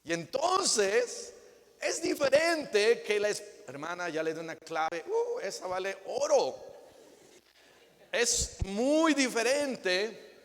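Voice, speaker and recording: Slow-speaking pastor in a reverberant church. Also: male voice, big pitch swings. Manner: acts out quoted dialogue with shifting pitch and loudness. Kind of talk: sermon. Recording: long hall reverb.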